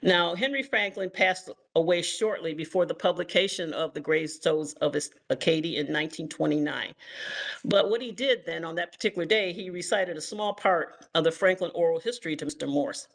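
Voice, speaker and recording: An older woman from Ohio giving an online history lecture as guest author, measured and filled with ums and uhs. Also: lowish voice, vocal fry. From Toledo, Ohio, US. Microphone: video call.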